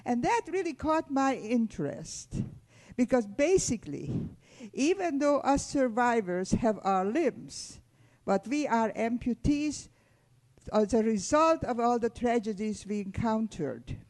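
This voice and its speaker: Old lady telling her story to schoolkids, slow and careful, talks right to the children. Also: fairly high pitch, lively intonation, a little mellow. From Hungary. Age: 80s. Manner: measured, deliberate, addressing children directly. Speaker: Holocaust survivor speaking to students. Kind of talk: testimony talk to a school audience.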